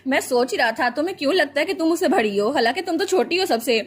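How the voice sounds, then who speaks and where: A woman voicing a gentle, teasing older brother who dotes on his little sister. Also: high-pitched, lively intonation, fast talker.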